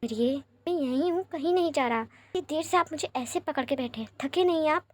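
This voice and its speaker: A woman voicing a gentle, apologetic young man in a fanfiction reading, soft-spoken and pleading. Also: sits high, a little fast, lightly acted. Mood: tender.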